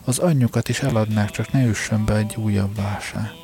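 A man's voice: on the low side, fairly even intonation, darkish tone, natural voice. Man playing a weary, stubborn shopkeeper father. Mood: ranting. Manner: grumbling, sarcastic. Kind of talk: audiobook character reading.

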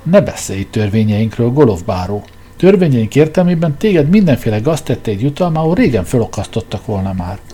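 Scornful storybook king, declamatory and loud, read by a man; warm, husky tone. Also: mid-range voice, big pitch swings. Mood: scolding. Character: scolding, proud exiled male king.

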